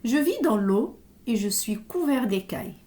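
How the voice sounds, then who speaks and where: A woman leads a reading lesson for young children, sounding out each letter and syllable with deliberate care. Her voice sits a little high but has a mellow, soft tone. She speaks very slowly, leaving room for the class to answer. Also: lively intonation. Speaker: primary school teacher.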